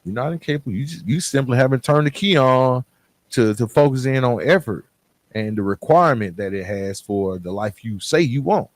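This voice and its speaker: A male podcast host speaks at normal speed with lively intonation and a mid-range voice, recorded dry. His plain-spoken motivational monologue is aimed at the listener, emphatic and full of repeated, contrasting phrases.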